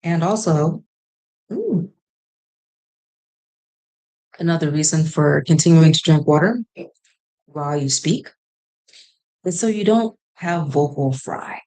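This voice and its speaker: A low-voiced young woman chats to her camera in a loose, rambling way. She gives advice as if talking to a close friend. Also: slow, pauses often, darkish tone, rough recording. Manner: chatty, rambling, shifts into playful voices. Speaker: vlogger. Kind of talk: casual advice chat to camera.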